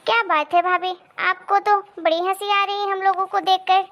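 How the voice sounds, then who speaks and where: Woman doing a scolding cartoon sister-in-law, high, sharp, bossy. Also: level tone, normal speed. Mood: mocking. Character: bossy, quick-tempered married sister-in-law. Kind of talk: cartoon story voice acting.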